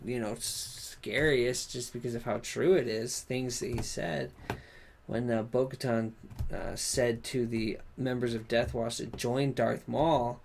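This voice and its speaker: Gravelly-voiced man on a podcast. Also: mid-range voice, fairly even intonation, a little slow, a little mellow, a little hiss or hum. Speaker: podcast co-host. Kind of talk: casual chat.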